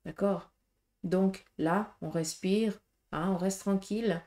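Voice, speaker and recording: A woman's voice: mid-range voice, fairly even intonation, takes it slowly, dark tone. A woman with a Swiss French accent giving a casual tarot reading to viewers, talking in a direct, frank way with many fillers and tag questions. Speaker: tarot reader.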